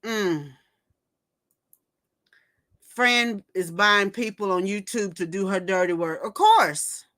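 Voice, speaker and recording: A woman's voice: mid-range voice, animated, takes it slowly, long pauses, fairly bright tone. A woman in her fifties hosting a casual livestream, gossiping and reading viewer comments aloud before reacting to them. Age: 50s. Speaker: livestream host. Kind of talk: casual chat.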